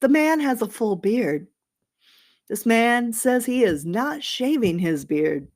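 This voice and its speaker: Woman, podcast host, solo late-night sports chat, unhurried delivery, sarcastic, gossipy, rambling. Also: fairly high pitch, very animated, darkish tone.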